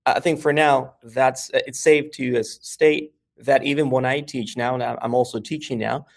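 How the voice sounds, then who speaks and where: Talking casually as an interview guest, a New York language educator with a Mexican American accent keeps adding "right?" and "uh" and restarting his sentences. His medium-pitched voice has vocal fry, fairly even intonation, and a normal pace.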